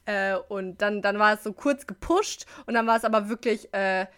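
A woman's voice: medium pitch, normal speed, a bit bright, clean tone. A young woman in casual chat, telling a long story with lots of fillers and acted-out quotes. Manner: chatty storyteller, many fillers, acts out quotes.

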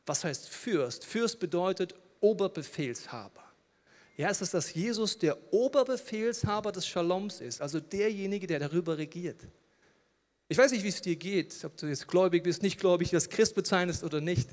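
Middle-aged male pastor, lively sermon delivery, slightly high voice, long hall reverb. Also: normal speed. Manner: lively, swings from loud to hushed, talks to listener directly.

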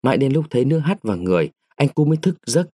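A man narrating a short story aloud, expressive and shifting his pace with the events. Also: mid-range voice, very fast, slightly rough, dry recording, clean studio sound.

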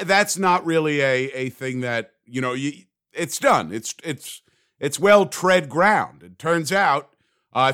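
A man's voice: medium pitch, bright, forceful tone. A man hosting a comedic solo podcast, talking in a sarcastic, rambling, self-mocking way. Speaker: podcast host.

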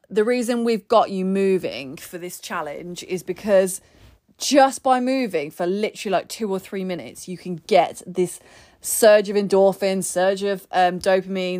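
A woman's voice: mid-range voice, a little mellow, dry recording, studio quality. Exasperated woman hosting a live chat. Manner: exasperated, quick to snap back, laughs often. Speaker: host of a live Q&A. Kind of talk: casual live chat with bickering.

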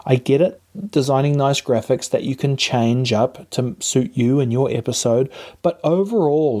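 A man gives casual advice as a podcast host, speaking into a lapel mic. His tone is dark and relaxed, and he coaches listeners informally with encouragement. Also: medium pitch. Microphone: lapel mic plugged into a phone.

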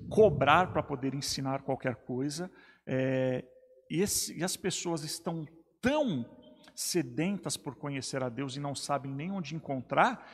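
A man's voice: fairly high pitch, fairly bright tone, slightly rough, long reverb tail. A man, a pastor, speaking emphatically in a discussion and repeating his key phrases to drive them home. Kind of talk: preaching in a two-man discussion.

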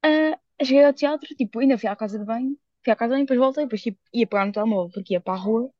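A young woman with a European Portuguese accent telling a story in casual chat, rushing through it with lots of fillers and slang. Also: on the high side, dry recording, highs cut off. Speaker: podcast co-host.

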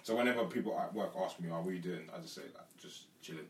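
A man's voice: deep voice, racing, recorded from a distance. A man with a London accent chatting casually as a podcast host, using street slang. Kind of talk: casual chat. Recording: echoey room, off mic.

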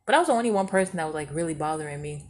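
A woman's voice: deep voice, animated, rapid-fire, a little mellow, slight background noise. Female co-host, playful and teasing, chatty storyteller with frequent laughs. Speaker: podcast co-host. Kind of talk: casual couple chat.

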